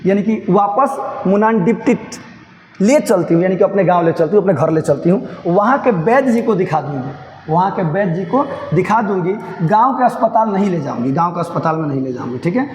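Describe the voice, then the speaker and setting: A male teacher with a high voice walks students through a story line by line. He repeats key phrases, checks that they follow, and calls them "babu". His voice rings in a large hall with a long reverb over faint noise. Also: expressive, fairly quick, a little mellow. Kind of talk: line-by-line lesson explanation.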